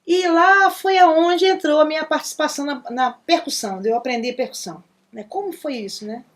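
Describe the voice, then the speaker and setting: A middle-aged woman from Rio de Janeiro with a Carioca accent, talking fast and chatty as an interview guest. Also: high voice. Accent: Carioca Brazilian Portuguese. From Brazil (Rio de Janeiro). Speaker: guest, singer and percussionist. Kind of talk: casual interview chat.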